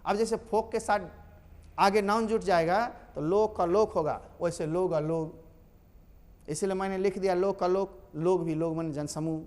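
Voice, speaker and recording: Man, spells letters aloud, animated, high-pitched, reverberant hall. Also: moderate pace. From Bihar, India. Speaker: English teacher. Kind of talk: classroom lesson on silent letters.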